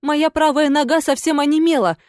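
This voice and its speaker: A woman's voice: high voice, animated, moderate pace, darkish tone, no echo, studio quality. A woman voicing a fearful, pleading female water ghost in an audiobook, in a plaintive, imploring manner. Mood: desperate.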